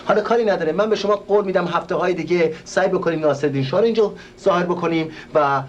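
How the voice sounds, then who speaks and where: A man's voice: high voice, dull audio, a little hiss or hum, close to an everyday voice. An actor playing a flustered, overly polite male organizer in a stage comedy, talking formally and stammering as he tries to placate a visitor. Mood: placating.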